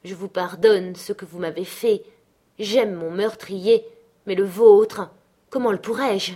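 Woman reading as a dying young woman, anguished and pleading, voice raised high. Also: steady tone, slow pace, dark tone. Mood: tearful pleading.

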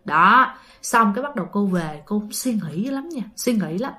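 A woman's voice: medium pitch, animated, moderate pace, bright, forceful tone. A woman narrating a ghost story in a chatty way, often turning to her listeners. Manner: chatty, addresses listeners directly.

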